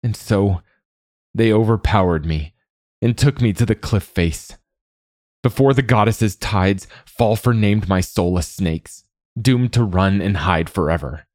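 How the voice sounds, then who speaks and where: A man's voice: fairly low pitch, a little slow, a little mellow, no echo, studio quality, voice pushed up, lightly acted. A man voicing a frightened, ashamed young male warrior, speaking in a strained, pleading way. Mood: anguished.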